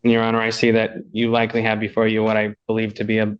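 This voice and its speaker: Fast-talking defense lawyer on courtroom audio. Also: male voice, lowish voice, monotone, smooth. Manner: polite, formal, rapid delivery. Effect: courtroom audio recording. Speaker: public defender. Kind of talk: formal courtroom address. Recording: dull lo-fi courtroom recording.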